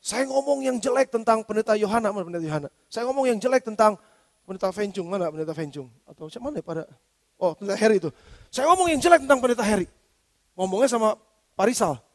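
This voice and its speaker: Male pastor, very high-pitched, lively sermon, long church-hall reverb. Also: fast. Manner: lively preaching, acts out quoted speech in slangy Jakarta style.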